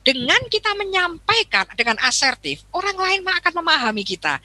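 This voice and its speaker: A woman's voice: very high voice, big pitch swings, a little fast, sharp tone, no room sound. A woman with a Javanese accent giving a chatty seminar talk, addressing her audience often and acting out little dialogues. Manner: acts out quoted dialogue.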